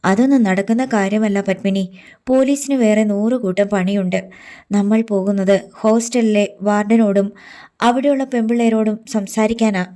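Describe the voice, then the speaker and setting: Scheming young village man, voiced by a woman storyteller: firm, low, sure of himself, mellow tone. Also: steady tone, moderate pace, lightly acted. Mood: determined. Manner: low, firm, matter-of-fact.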